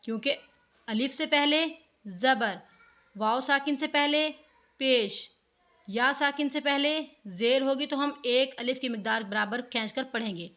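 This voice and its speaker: A woman's voice: sits high, unhurried, a bit bright. A woman giving an online tajweed lesson, patiently explaining pronunciation step by step and drawing out each syllable as she recites. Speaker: online Quran teacher.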